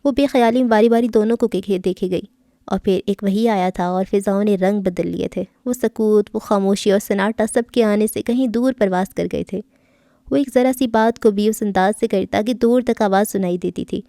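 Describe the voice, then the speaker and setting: A woman reads a novel aloud as an audiobook, smooth and expressive. Her voice is warm and mellow, at a middle pitch. The recording is dry and close, with no room sound. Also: no echo. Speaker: audiobook narrator. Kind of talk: scripted novel narration.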